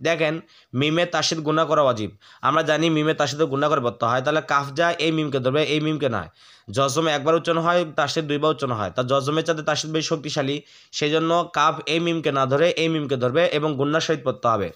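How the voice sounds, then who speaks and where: A man teaching Quran recitation, spelling out words letter by letter and then chanting them slowly and drawn out. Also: a little high, fairly even intonation, a bit bright.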